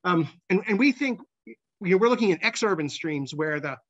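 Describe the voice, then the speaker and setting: A male researcher gives a conversational scientific slide presentation in a high, expressive voice, halting, repeating words and making false starts. The audio sounds dull.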